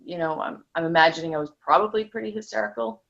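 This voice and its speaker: A woman's voice: lowish voice, quick pace, gravelly. A woman in a tapping session who repeats phrases and hesitantly recounts a childhood memory, stumbling over her words. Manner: hesitant, stumbling restarts, soft. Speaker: client in demonstration. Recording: dull lo-fi sound.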